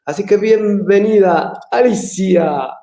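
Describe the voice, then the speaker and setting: Taking his time, the host speaks in a high-pitched, warm voice during a relaxed live-stream chat. He's a Latin American man based in Mexico, friendly as he reads viewers' greetings aloud. There's noticeable echo in the room.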